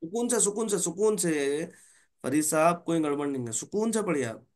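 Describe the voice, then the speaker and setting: A man teaching a Quran recitation class, patiently explaining rules and slowly stretching out example words. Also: fairly high pitch, lively intonation, darkish tone. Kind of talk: online tajweed class.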